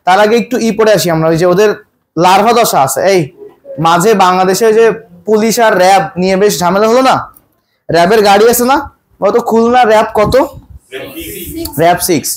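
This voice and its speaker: A man teaching a biology exam-prep lesson. He keeps quizzing his students and repeats each question, then slows down to spell out scientific terms. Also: high voice.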